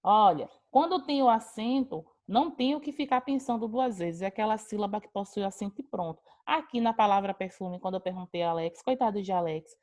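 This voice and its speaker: A woman's voice: fairly high pitch, darkish tone. A woman teaching an online class, calling on students by name and praising their answers. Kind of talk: online class on a video call.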